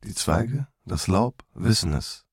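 A mysterious inner voice of conscience, voiced by a man, speaks to the heroine in grave riddles. The tone is very low and heavily husky, almost a breath. Every word comes slowly and deliberately. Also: expressive, no echo, clean studio sound, heavily acted. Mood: solemn. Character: mysterious admonishing inner voice, solemn and cryptic.

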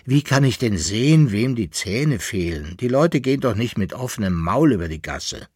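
A man voicing an eager, talking poodle dog in a storybook reading, with a husky, lively voice. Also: on the low side, no echo, clean studio sound. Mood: indignant. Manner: eager, quick to protest.

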